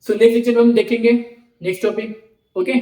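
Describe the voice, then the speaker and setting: A man's voice: extremely high pitch, fairly even intonation, fast, dark tone, echoey room, low-quality recording. A man teaching a Sanskrit lecture, explaining step by step, reciting letters one by one and checking in often with "okay". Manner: repetitive explaining, frequent "ठीक है" and "okay" check-ins. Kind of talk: online video lecture.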